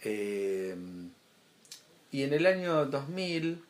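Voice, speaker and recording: A man's voice: fairly high pitch, very animated, very slow. A man with an Argentine accent, a guest in an interview, telling stories in a casual way with frequent fillers and restarts. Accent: Argentine Spanish. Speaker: interview guest, art curator. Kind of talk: casual conversation.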